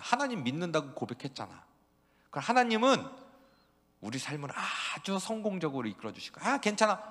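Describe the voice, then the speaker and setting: A man voicing a smooth-talking male false prophet who coaxes and reassures his listeners. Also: a little high, a bit bright, pitched above the performer's own voice. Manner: coaxing, reassuring. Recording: long church hall reverb.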